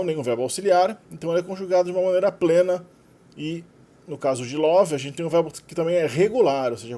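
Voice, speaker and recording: A man's voice: on the high side, darkish tone. Brazilian man teaching English verbs. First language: Portuguese. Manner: patient, explanatory, reading out example verbs. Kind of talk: explaining grammar in a lesson.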